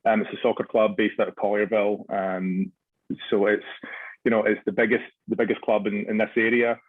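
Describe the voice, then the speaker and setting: A man's voice: on the low side, little pitch movement, fairly quick, dry recording. Scottish man on a tinny phone line. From Scotland. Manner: hesitant, many restarts and fillers. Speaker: soccer club technical director. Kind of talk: radio interview.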